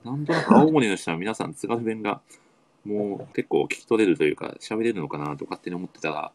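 A man with a very low voice hosts a relaxed online chat show. He talks fast, his pitch swinging widely as he reacts. He keeps chiming in with eager, admiring remarks. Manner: eager, frequent admiring interjections. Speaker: podcast host. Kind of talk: casual chat.

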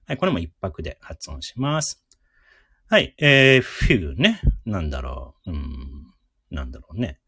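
A man hosting a casual live radio lesson, chatty and encouraging, who repeats each word slowly for listeners to drill. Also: low voice, sing-song, sharp tone, slightly rough, no echo, studio quality. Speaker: radio host teaching English words.

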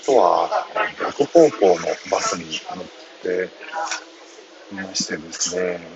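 A man in his thirties hosting a casual live chat, talking in a quiet mumble while riding a bus and reading out listener comments. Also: low voice, expressive, takes it slowly, creaky. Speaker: live-stream host. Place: on a moving city bus. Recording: dull phone audio with bus noise. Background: bus noise.

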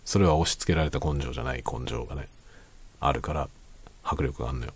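A man chatting casually in a quiet late-night monologue, musing and circling back over his own phrases. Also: fast talker, slightly rough. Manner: quiet, low-voiced night-time talking. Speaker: host of a solo talk show.

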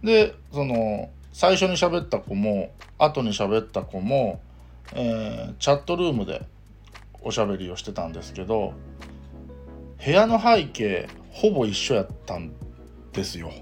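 A man with a Kansai accent hosts a casual solo podcast in a fairly low voice. He talks hesitantly and fills his pauses often. Soft music plays faintly behind him. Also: very animated. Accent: Kansai Japanese. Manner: hesitant, many fillers. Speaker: podcast host.

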